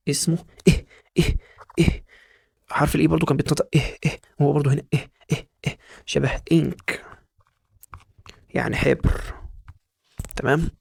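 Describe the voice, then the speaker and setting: Gravelly Egyptian man drilling letter sounds. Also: fairly high pitch, no room sound. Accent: Egyptian Arabic. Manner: drills sounds by repetition, coaxing the viewer. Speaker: English teacher. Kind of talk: beginner phonics lesson.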